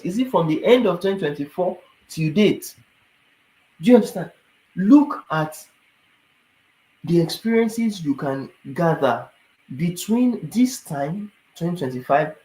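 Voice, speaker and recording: A man, slightly high-pitched, talks viewers through immigration requirements in an animated, rhetorical way. He keeps checking that they understand. He sounds tired, and his voice echoes around the room. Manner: animated, asks rhetorical questions, repeats "do you understand". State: tired, yawning. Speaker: immigration advisor. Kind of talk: casual explainer talk to viewers.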